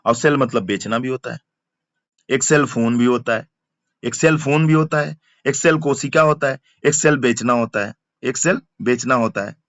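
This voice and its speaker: A man's voice: mid-range voice, normal speed, dry recording. Man, teacher, repeats words, dry, muffled lo-fi sound. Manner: explains word by word, repeating terms and asking for comments. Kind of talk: online exam-prep lesson.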